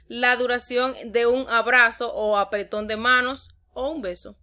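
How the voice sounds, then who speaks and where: Woman, class presentation, bright sharp voice, reads through a list of examples. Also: a little high.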